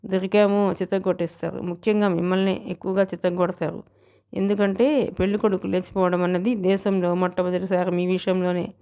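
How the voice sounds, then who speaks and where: A woman's voice: lowish voice, level tone, mellow, smooth, natural voice. A woman playing a clever scheming young bride. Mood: persuasive. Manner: brisk, persuasive.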